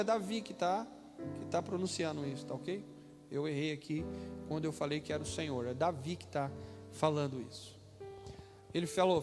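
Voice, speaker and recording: A high-voiced Brazilian pastor preaching live in a church hall, moving from relaxed, chatty asides to loud shouted readings of scripture. The sound has a long reverb, and music from instruments plays clearly behind him. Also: male voice. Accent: Brazilian Portuguese. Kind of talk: sermon.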